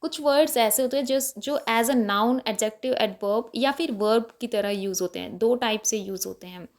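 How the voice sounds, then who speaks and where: A young woman teaching English word stress, explaining in Hindi and slowly repeating each word to contrast its stress. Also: on the high side. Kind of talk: explanatory lesson.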